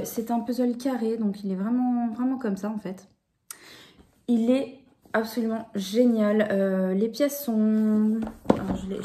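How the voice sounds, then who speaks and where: A woman's voice: mid-range voice, mellow, a little hiss or hum. A woman in her thirties chatting casually at home in a craft vlog, full of fillers and restarts as she shows her puzzles. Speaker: vlogger.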